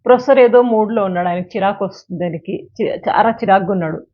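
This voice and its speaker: Woman speaker with mid-range pitch, counseling an audience on a narrow, tinny recording. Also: fast. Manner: counsels listeners directly, with examples, mixing in English phrases. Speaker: self-help speaker. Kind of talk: motivational talk. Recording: tinny phone-like sound, faint music.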